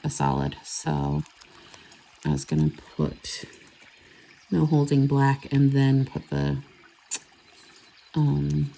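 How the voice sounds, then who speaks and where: A woman's voice: a bass voice, takes it slowly, vocal fry, long pauses, mellow. A woman chatting casually and rambling as she does her nails. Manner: chatty, rambling, self-correcting. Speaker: nail vlogger. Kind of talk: casual chat while doing nails.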